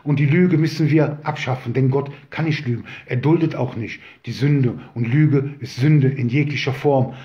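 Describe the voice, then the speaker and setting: A man's voice: medium pitch, fairly even intonation, normal speed, hardly any pauses, highs cut off. A man preaching an earnest sermon, his voice rising when he quotes scripture.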